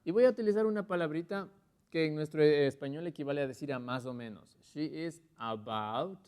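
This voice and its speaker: A man teaching English on a TV lesson, pronouncing English phrases slowly and carefully. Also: on the high side, mellow, clear, resonant tone. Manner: slow, drawn-out model phrases in English. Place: TV studio.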